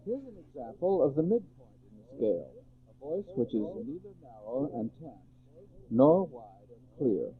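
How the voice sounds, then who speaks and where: A man's voice: mid-range voice, big pitch swings, normal speed, pauses often. Man narrating through a wobbly tape warble. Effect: wobbly tape warble from wow and flutter. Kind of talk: scripted instructional narration. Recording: thin, phone-like old tape transfer.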